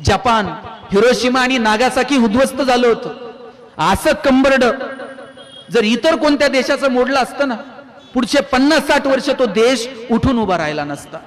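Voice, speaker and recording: Animated man lecturing in a reverberant hall. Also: extremely high pitch, normal speed. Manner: animated storytelling, rhetorical questions, mimics characters in anecdotes. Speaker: public speaker. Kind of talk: motivational lecture.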